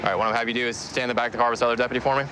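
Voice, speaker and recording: Very fast-talking male deputy at roadside. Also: mid-range voice, flat delivery, noisy background. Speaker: police deputy at a traffic stop. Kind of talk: casual on-scene questioning. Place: outdoors at a roadside.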